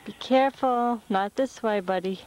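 A woman's voice: fairly high pitch, moderate pace, very noisy. A woman filming her young children on a home camcorder, coaxing them in a sing-song baby-talk voice. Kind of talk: home video narration. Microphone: handheld camcorder.

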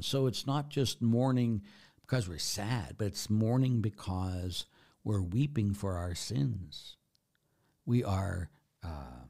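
Priest, low gravelly voice, forceful preaching that builds to loud declarations. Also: male voice. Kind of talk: sermon.

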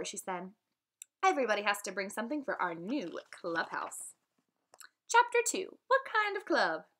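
Her medium-pitched voice full of life, a teacher shares a children's story aloud with students, acting out the characters' speech in different voices.

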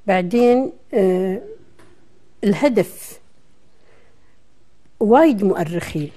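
A woman's voice: mid-range voice, expressive, slow, warm tone. An older woman with a Kuwaiti accent, talking as a guest in a studio interview. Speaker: interview guest, dialect historian. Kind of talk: conversational television interview. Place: television studio.

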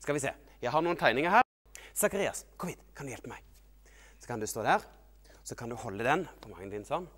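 A man hosting a children's TV show, telling a Bible story to the kids in a playful, animated way. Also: mid-range voice. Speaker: children's TV host.

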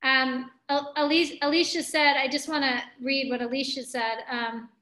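A spiritual teacher in her forties leads a webinar from her living room over a webcam, and the audio sounds roomy. Her voice sits high and sharp, with a steady tone at normal speed, as she thinks aloud, gestures, and talks with viewers.

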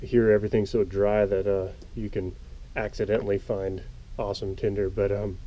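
An American man in his thirties, an outdoor vlogger and presenter, talks casually and easily to camera while he works in a small desert rock cave, explaining what he's doing with some hesitation. His lowish voice is level and moderately paced, and the outdoor camera audio has cut-off highs and faint ambient noise.

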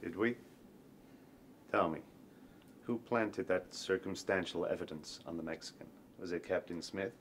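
A brooding noir film detective played by a man, middle-aged and low-pitched. He speaks tersely, with sardonic, hardboiled cynicism. Faint noise sits behind the voice. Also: unhurried, long pauses. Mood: insistent.

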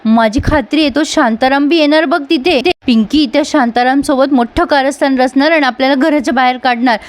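A woman's voice: high voice, a little fast, close to an everyday voice. A woman voicing a scheming, anxious middle-aged mother in a recap of a TV serial, giving urgent, commanding orders. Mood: pleading.

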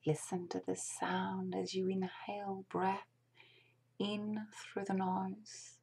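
A woman's mid-range voice stays monotone as she leads a guided meditation. She half-whispers in a hushed, breathy way, slow and careful, with long pauses between phrases.

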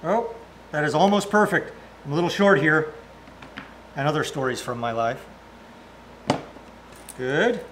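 A man's voice: on the high side, unhurried, pauses often, background noise. Joking man talking to himself in workshop. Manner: jokey, talks to himself while working. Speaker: maker and woodworking host. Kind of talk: casual workshop vlog talk. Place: large arched metal workshop.

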